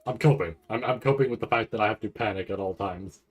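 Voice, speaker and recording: Reacting to an anime event on a laid-back livestream, this male host speaks fast in a husky, somewhat low voice. His chat wanders as he thinks aloud, loose and occasionally profane.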